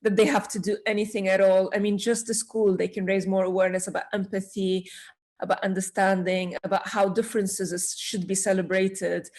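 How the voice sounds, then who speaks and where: A woman's voice: mid-range voice, little pitch movement, fairly quick, a little mellow. A woman from Syria, a children's author, answering interview questions earnestly and with passion, with small restarts.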